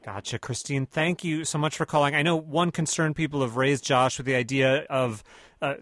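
Man, smooth radio host delivery, mid-range voice, close studio mic, dry sound. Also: medium pitch, fairly bright tone, dry recording. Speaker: radio call-in show host. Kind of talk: hosting a public-affairs radio call-in show.

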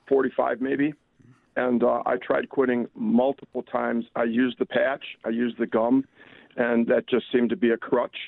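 A middle-aged man calling in to a talk show over the phone, speaking in a plain, halting way. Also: medium pitch, gravelly, no room sound. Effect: heard over a phone line. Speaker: caller to a radio talk show. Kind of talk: casual call-in chat. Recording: tinny phone line.

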